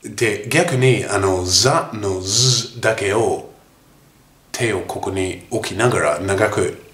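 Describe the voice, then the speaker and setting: A man teaching English pronunciation in a casual video lesson, demonstrating sounds slowly with lots of fillers. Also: fairly low pitch, a bit bright. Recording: echoey room.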